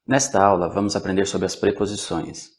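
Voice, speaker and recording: A man teaching a recorded language lesson, with slow, clear, measured delivery. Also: low-pitched, steady tone. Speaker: English teacher.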